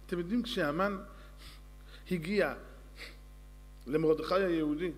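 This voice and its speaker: Rabbi guy telling a story in a sermon, fairly high voice, long echo. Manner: storytelling, addressing audience directly. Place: synagogue or lecture hall.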